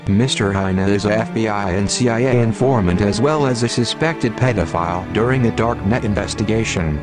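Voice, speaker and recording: Man in a disguised deep voice. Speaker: anonymous spokesman. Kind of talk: scripted statement. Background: music.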